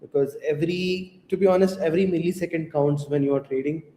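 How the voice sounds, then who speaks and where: A man co-hosting a casual crypto show, explaining things in a measured way. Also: fairly high pitch, fairly even intonation, mellow. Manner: measured, explanatory, frequent "to be honest". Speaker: co-host. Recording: echoey room with faint hiss.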